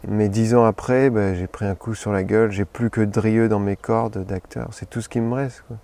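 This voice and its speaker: A man in his thirties in a comedy sketch interview, playing a self-important actor in a deadpan manner. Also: lowish voice, moderate pace. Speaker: comic actor persona being interviewed.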